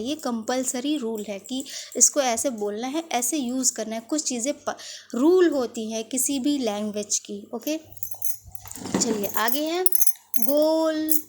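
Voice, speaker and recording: A woman teaching English pronunciation, explaining patiently and drawing out each example word. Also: high voice. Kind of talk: pronunciation lesson.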